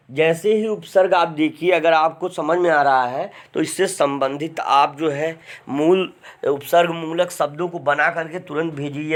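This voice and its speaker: Man, teacher, online lecture, slightly high voice, chatty, dictates slowly. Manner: chatty, repeats "है ना" often; dictates word forms slowly and deliberately. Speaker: Hindi grammar teacher.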